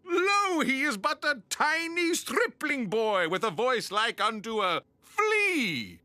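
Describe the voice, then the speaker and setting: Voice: sits high, very animated, takes it slowly, bright, forceful tone, no echo, full character voice. A voice actor playing a pompous, old-fashioned knight with lofty, archaic speech.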